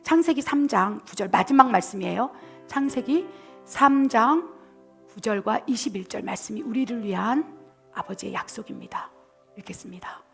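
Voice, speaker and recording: A middle-aged woman missionary pastor preaching a passionate sermon, swinging from loud appeals down to soft whispers. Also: on the high side, lively intonation, moderate pace, gravelly, faint music behind.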